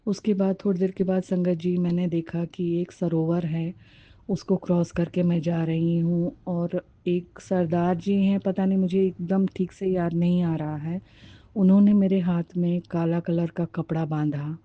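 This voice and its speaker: A woman's voice: lowish voice, level tone, unhurried, no room sound, muffled recording. A woman sharing a devotional testimony and fervently repeating her words of thanks.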